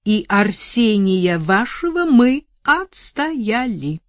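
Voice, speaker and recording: A woman's voice: medium pitch, big pitch swings, slow pace, no room sound, clean studio sound, voice pushed up. A woman reading an audiobook voices a talkative, self-satisfied male lawyer who gushes and then grows irritated and lectures. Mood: effusive.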